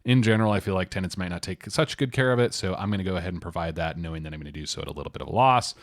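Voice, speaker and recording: A man in his thirties co-hosts a casual advice podcast, talking loosely with plenty of asides. His voice sits very low, recorded close and dry with no room sound. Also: racing, no echo. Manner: loose and conversational, full of "like" and asides. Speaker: podcast co-host, property manager.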